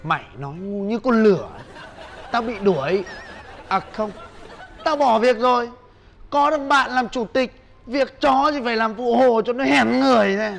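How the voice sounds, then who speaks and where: A man's voice: extremely high pitch, normal speed, vocal fry, a faint crowd. A man playing a boastful broke laborer. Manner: bragging, bossy, loud. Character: boastful broke male laborer, young adult.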